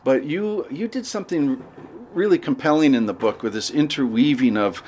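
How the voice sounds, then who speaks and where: A man's voice: mid-range voice, moderate pace, darkish tone, a little hiss or hum. A man hosting a podcast interview inside a sauna, asking rambling questions full of fillers. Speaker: podcast host. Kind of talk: casual interview chat. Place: inside a sauna at an outdoor festival.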